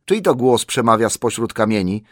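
A sturdy, strong soldier , as a narrator puts him on calls out loudly and urgently, voice pitched somewhat up. The reading is dry and close-miked. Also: male voice, lively intonation, moderate pace, no room sound, lightly acted. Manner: loud and urgent. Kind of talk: audiobook character voice.

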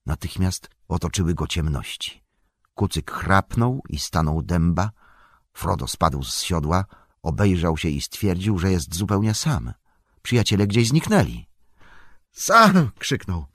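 Male audiobook narrator, low voice, husky tone, lively intonation, dry close sound. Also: dry recording. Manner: measured, expressive storytelling. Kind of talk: scripted narration of a fantasy novel.

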